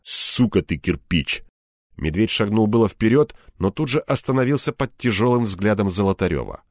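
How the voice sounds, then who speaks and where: A man's voice: fairly low pitch, expressive, fairly quick, a little mellow, dry recording, clean studio sound. A man reading a first-person crime novel aloud with tense, dramatic delivery. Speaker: audiobook narrator. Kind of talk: first-person audiobook narration.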